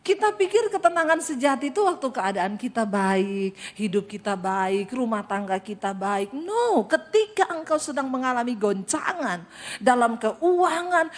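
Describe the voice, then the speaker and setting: A woman pastor from Sulawesi, telling a vivid story in a sermon and acting out her prayers dramatically. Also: sits high.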